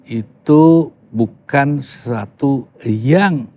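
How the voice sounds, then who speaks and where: Older man, relaxed and emphatic. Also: mid-range voice, extremely slow. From Yogyakarta, Indonesia. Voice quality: relaxed, emphatic, drops in English phrases. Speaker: podcast guest. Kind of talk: casual conversation.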